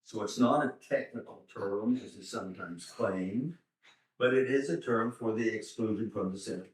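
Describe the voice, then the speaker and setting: An older man, a seminary professor, slowly reading and explaining scripture to a class. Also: fairly low pitch. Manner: slow, deliberate, pauses to explain Greek words. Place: church hall. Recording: roomy church hall, mic far off.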